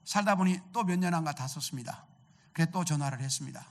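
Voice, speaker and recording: A man's voice: fairly high pitch, fast. A male pastor preaching a sermon, telling a story and asking the congregation rhetorical questions.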